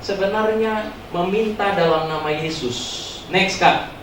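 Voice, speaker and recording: A man preaching a joking, animated youth sermon as pastor, acting out loud prayers, in a church hall recording heard from far off. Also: high-pitched, measured pace, background noise.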